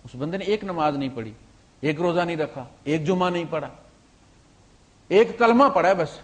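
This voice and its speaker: High-voiced man preaching in animated story. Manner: animated storyteller, swinging between loud emphasis and quiet asides; sprinkles English words into his talk. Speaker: Islamic preacher. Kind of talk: storytelling sermon.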